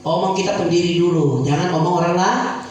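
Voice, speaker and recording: A man preaching a sermon in a church, animated, calling for amens and bursting into shouts. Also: high-pitched, a little fast, music in the background. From Indonesia. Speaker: evangelist preacher. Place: church hall with congregation. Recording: very echoey hall, from far off, faint noise.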